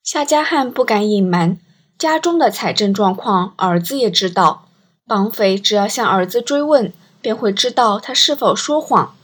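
A woman narrating an audiobook in an even storytelling manner. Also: medium pitch, normal speed, slightly rough.

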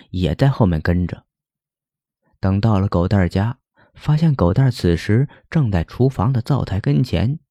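A man tells a village ghost story in a plain, chatty storyteller's way. His voice is low and mellow. The recording is dry and close. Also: no echo. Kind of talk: folk ghost story narration.

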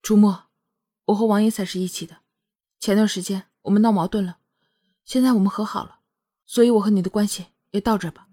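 Cool scheming young woman, read by a woman, brisk and bossy, breathy, pitch hops around a lot. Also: sing-song. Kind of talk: audiobook character voice.

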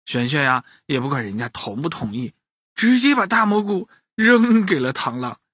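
A man narrating a children's bedtime story, lively and speaking to the kids directly. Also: fairly high pitch, normal speed, husky, no room sound, studio quality.

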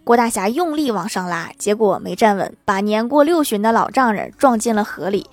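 A woman host telling a string of scripted comic stories with lively, chuckling punchlines. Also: mid-range voice, brisk, no echo. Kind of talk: scripted comic joke storytelling.

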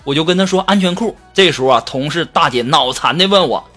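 Wisecracking host. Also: male voice, on the high side, fast. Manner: wisecracking, animated. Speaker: radio-style comedy host. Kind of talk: reading listeners' jokes. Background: background music.

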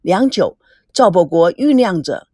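Woman storyteller, audiobook style, pitch swings a lot, dry. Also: measured pace, breathy edge, no room sound. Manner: expressive, voices the young characters too. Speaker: narrator. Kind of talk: audiobook narration of a novel.

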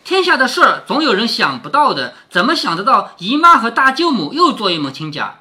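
A man's voice: very high-pitched, wildly swooping pitch, fairly quick, sharp tone, full character voice. A man voicing a sensitive young woman while reading a classic novel aloud, in a plaintive way. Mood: wistful. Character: sensitive young orphaned woman, wistful and sharp.

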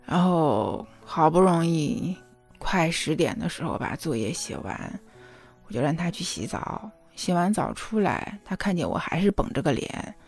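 In a low, darkish, breathy voice with a sing-song lilt and measured pace, a mother in her thirties tells her personal story. The confiding monologue is earnest and emotional, with frequent check-ins with the listener and soft music underneath.

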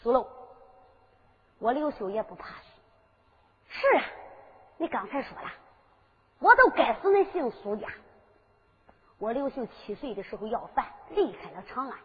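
A bold, defiant young prince speaks with a Henan accent, goading his captor with emphatic storyteller's punch, as a woman puts him on. The voice sits high and swings widely in pitch. It comes through a dull recording with a long hall reverb. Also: very animated, normal speed, long pauses, husky, exaggerated voice. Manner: taunting, emphatic storyteller delivery.

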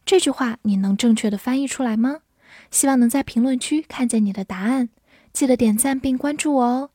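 A woman teaching English vocabulary in a recorded lesson. She speaks slowly and carefully and repeats each word for learners. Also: a little high, dark tone, no room sound, studio quality.

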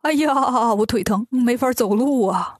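A woman voicing a boastful, scheming male demon king in a children's story, with a sly, slow drawl. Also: a little high, dry recording, studio quality. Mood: wheedling.

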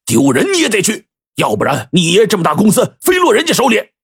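A man voicing a furious middle-aged male company boss who shouts and stammers in rage. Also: high-pitched, huge pitch swings, a little fast, creaky, husky, no echo, studio quality, voice pushed up, full character voice.

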